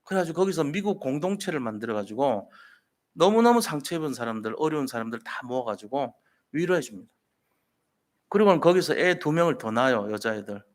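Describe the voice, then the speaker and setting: A man's voice: mid-range voice, sing-song, a little fast. A man preaching a sermon as a pastor, telling a story and putting rhetorical questions to the congregation.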